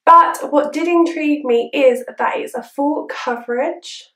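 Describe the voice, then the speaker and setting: This young adult woman's high-pitched, slightly bright voice comes through a little slow and far from the mic as she reviews a beauty product. She talks casually to camera in a chirpy, perky way. The setting is a small room indoors with an echoey, roomy sound.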